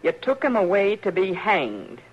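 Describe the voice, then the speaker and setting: In a muffled, hissy old radio western, a woman plays a bitter frontier mother in grief, pleading in anguish with a rural Western American accent. Her mid-range voice is very animated and slightly breathy, delivered at a measured pace. She sounds plain-spoken, folksy, and unyielding.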